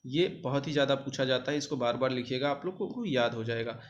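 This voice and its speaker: A man's voice: medium pitch, quick pace, highs cut off. A man with a North Indian Hindi accent teaching an online exam-prep spelling lesson, repeating each word and reminding students to remember it.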